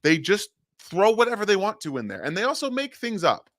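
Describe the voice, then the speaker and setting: A man argues his sports takes with a very lively, rising and falling pitch. He pushes his points hard and sounds dry and close to the mic. He is a podcast co-host on a remote call. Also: brisk, dry recording. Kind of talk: casual sports talk.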